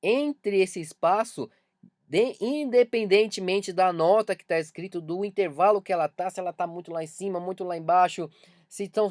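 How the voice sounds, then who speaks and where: A man's voice: high-pitched, darkish tone, dry recording, clean studio sound. A man with a Brazilian Portuguese accent gives an online music lesson, talking emphatically and repeating key points to drive them home. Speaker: music teacher.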